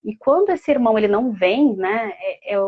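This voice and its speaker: A woman's voice: on the high side, expressive, a little fast, slightly rough, narrow, tinny audio. A mother speaking as a guest, telling a personal story in a heartfelt, casual way with many fillers.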